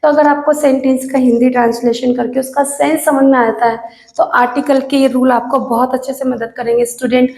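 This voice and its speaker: A woman teaching English grammar to students, repeating example phrases slowly and often turning to address the class. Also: sits high, little pitch movement, creaky, a little mellow. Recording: echoey room.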